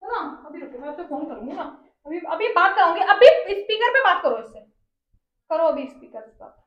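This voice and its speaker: A woman's voice: extremely high pitch, big pitch swings, brisk, highs cut off. A young woman in a home argument with her husband, who repeats her demands insistently and indignantly. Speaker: wife being pranked. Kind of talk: heated domestic argument. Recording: echoey room.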